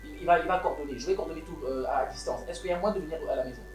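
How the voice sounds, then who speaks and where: A man's voice: fairly high pitch, racing, lightly acted. An actor with a Congolese French accent playing a wealthy man who looks after his siblings, switching between French and Lingala. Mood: pleading, worried. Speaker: wealthy family head. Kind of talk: Congolese TV series acting. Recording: roomy room with background music.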